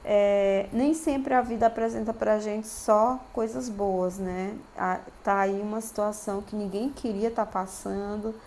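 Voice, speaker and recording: A Brazilian woman lecturer, her voice worn down by a cold, speaking to her students over a faint background hiss. She keeps her pitch in a middling range and sounds encouraging, checking in with them often. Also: steady tone, a little slow, hardly any pauses, darkish tone. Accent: Brazilian Portuguese. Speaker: university lecturer. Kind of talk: recorded video talk to students.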